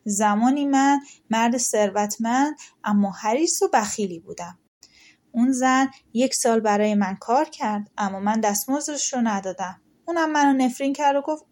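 A woman's voice: a little high, a little mellow, lightly acted. A sly, poor peasant man from a folktale, read by a woman. He speaks earnestly, with a slightly raised voice. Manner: earnest, feigning confusion. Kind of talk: audiobook folktale reading.

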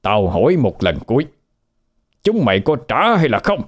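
A man's voice: mid-range voice, wildly swooping pitch, normal speed, voice pushed up. A man doing a snarling, cruel old village chief. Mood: menacing. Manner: snarling, shouting threats.

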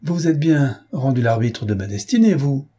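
A man reading the part of a stern, suspicious father who speaks curtly and harshly, in a mellow, slightly husky voice. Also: mid-range voice, animated, normal speed. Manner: curt, harsh questioning.

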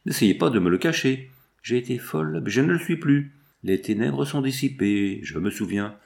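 A man's voice: medium pitch, expressive, moderate pace, gravelly, a little mellow. A man voicing a distressed woman prisoner who is regaining her memory, asking anguished, pleading questions.

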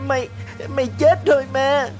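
A woman's voice: steady tone, normal speed, music in the background, close to an everyday voice. A woman doing a terrified pleading young man. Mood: frightened. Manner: high, pleading, tearful.

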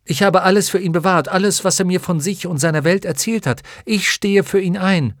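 A man's voice: high-pitched, brisk, dry recording, clean studio sound, pitched above the performer's own voice. A man voicing a brave, earnest young boy hero in an audiobook, speaking eagerly and urgently. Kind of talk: audiobook character voice.

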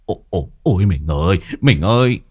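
Stammering, cowardly addict, as a man puts him on for an audio story; very low, husky voice. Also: lively intonation, moderate pace. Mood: pleading. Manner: stammering, pleading. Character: cowardly, frightened young male addict.

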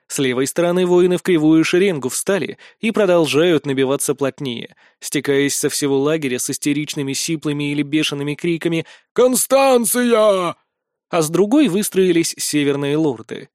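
A man narrating a fantasy audiobook in the first person, with a lively, expressive reading on a close mic. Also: on the high side, no echo.

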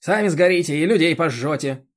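A man reading an audiobook, voicing a short, stout, rude elderly village chairwoman who scolds and yells. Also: fairly quick, close to an everyday voice. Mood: hostile. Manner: shrill scolding, yelling.

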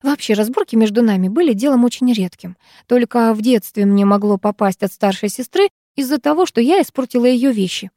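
A woman narrating a first-person audiobook in an expressive, emotional way. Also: on the high side, a little fast, dry recording, studio quality.

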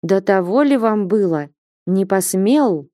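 A woman voicing a timid, guilty young male clerk who answers haltingly and pleads in a storybook reading. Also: mid-range voice, expressive, mellow, no echo, clean studio sound, pitched above the performer's own voice. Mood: faltering. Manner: faltering, pleading.

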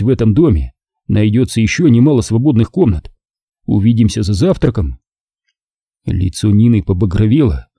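A man narrating a first-person novel as an audiobook, reading in a lively, expressive way. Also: on the low side, breathy edge, dry recording, studio quality.

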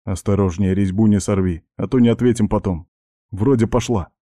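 A man voicing a stern, domineering baritone voice inside someone's head in an audiobook. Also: normal speed, warm tone, no room sound, clean studio sound, close to an everyday voice. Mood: bossy.

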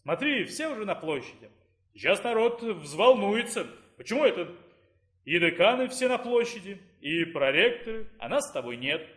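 A man reading the part of an imperturbable rector in an audiobook, speaking calmly and firmly. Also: high-pitched, normal speed. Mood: persuading. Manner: calm, unruffled.

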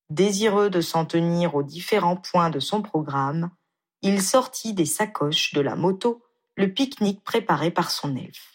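A woman reading a story aloud in a calm, measured way. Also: fairly low pitch. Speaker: audiobook reader. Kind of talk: scripted narration.

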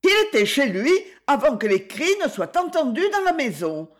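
A woman voicing a surly, quick-tempered working-class wife who answers back sharply. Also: very animated. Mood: defiant. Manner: sharp, shrill retorts.

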